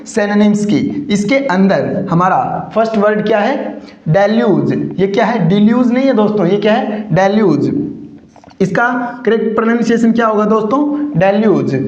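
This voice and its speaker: Teaching exam vocabulary in English, a man drills words by repeating them in question-and-answer form, answering his own questions and drawling each one slowly for pronunciation. His high, slightly mellow voice has lively intonation, and the sound is roomy, dull, and lo-fi.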